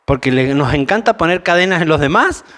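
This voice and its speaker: A man's voice: on the high side, lively intonation, fairly quick, a bit bright. A man with a Rioplatense Spanish accent preaching a conversational sermon, mixing Bible reading with informal asides.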